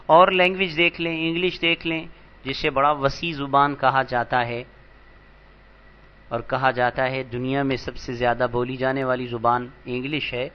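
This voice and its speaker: A man teaching an Arabic grammar lesson, patient and slow, repeating each word for emphasis. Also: mid-range voice, flat delivery, dull audio. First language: Urdu. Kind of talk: lecture explaining vocabulary.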